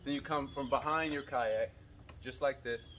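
Hosting his fishing channel from a suburban driveway, a young man casually demonstrates something hands-on for his viewers at a moderate pace. His voice sits in the mid-range, and his manner is relaxed and instructive as he addresses the audience directly. Recorded on a camera mic that drifts closer and farther, the audio carries a little hiss or hum.

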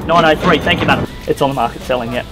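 A man's voice: mid-range voice, rapid-fire, poor audio. A young Australian man working as an auctioneer, addressing bidders outdoors with formal, courteous patter. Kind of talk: live auction bid calling. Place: open-air wooden deck outdoors. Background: music.

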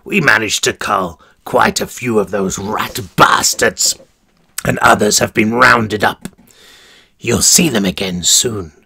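A man voicing a gleeful, sinister prison warden who whispers and mocks slowly. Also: fairly low pitch, creaky, bright, forceful tone, slightly rough, full character voice. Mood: menacing. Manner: whispering, mocking, drawn-out.

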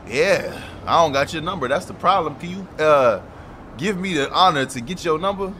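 Man, gameplay commentary, slangy and excitable, swears a lot, highish voice, faint background hiss. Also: normal speed. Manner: talks to game characters as he plays. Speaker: gaming video creator.

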